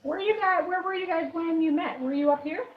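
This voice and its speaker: High-pitched woman host, chatty, echoey lo-fi video call. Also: a little fast. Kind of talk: casual video call chat.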